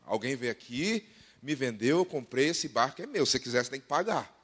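A man's voice: mid-range voice, expressive, brisk, a bit bright, husky, pitched below the performer's own voice. A man voicing a shop owner in a sermon story, curt and dismissive. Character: gruff male shop owner, unbending.

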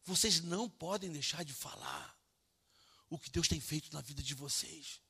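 Brazilian preacher, husky bright voice, soft to loud swings, storytelling sermon. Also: male voice, on the high side, animated, moderate pace. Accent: Brazilian Portuguese. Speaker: pastor. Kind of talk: evangelical sermon.

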